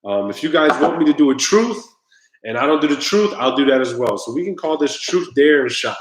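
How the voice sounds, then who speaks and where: A man's voice: a little high, expressive, a little fast, reverberant, rough recording. A man hosting his own live stream, chatting casually and straight to his viewers. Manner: laid-back, talks straight to viewers, groans at the drink.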